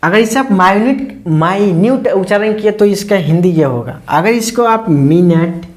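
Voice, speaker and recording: Explaining English to students, this teacher speaks at an even middle pitch and keeps quizzing the class with "ठीक है ना?" before supplying the answers. The explanation is slow and repetitive, with key words said again and again patiently.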